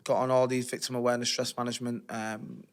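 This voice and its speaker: A man, an interview guest telling his life story in a candid, animated, slangy way. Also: mid-range voice, quick pace, clean tone. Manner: streetwise, animated, slangy retelling with acted-out quotes.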